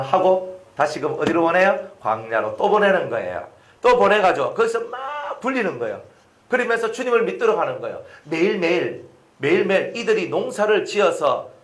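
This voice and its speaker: With a high voice and a roomy sound, a male pastor delivers an animated sermon. He puts questions to his listeners and performs the quoted words of the characters in his story.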